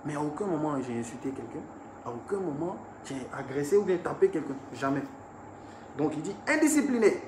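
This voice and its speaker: A young man telling his viewers about an incident. He talks in an animated way and swings between hushed and raised speech. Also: fairly high pitch, fairly quick. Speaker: artist recounting an incident. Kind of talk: storytelling to viewers. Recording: echoey room with faint ambient noise.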